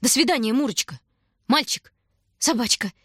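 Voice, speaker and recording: A woman voicing a muddled male stranger who talks in a squeaky voice and mumbles, rambling as if to himself. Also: lively intonation, normal speed, a bit bright, slightly rough, no echo, clean studio sound. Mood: pleading.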